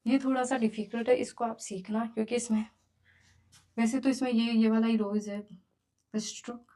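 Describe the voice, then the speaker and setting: A woman's voice: on the high side, fairly even intonation, moderate pace, warm tone. A woman teaching beginners to write, patiently counting each stroke aloud as she goes. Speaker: Japanese teacher. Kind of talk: beginner writing lesson.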